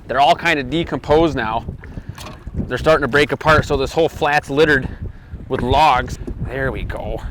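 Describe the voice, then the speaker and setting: A man hosting a fishing show, chatting casually from a boat on a lake and getting excited as fish come in. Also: on the high side, noisy background. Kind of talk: casual on-the-water fishing commentary.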